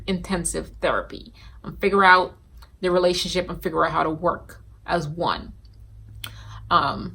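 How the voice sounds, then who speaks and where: Sassy woman from Guyana vlogging. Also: lowish voice. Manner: animated and sassy, with bursts of laughter and scolding. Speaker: vlogger reviewing a reality TV show. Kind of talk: casual opinionated chat to camera.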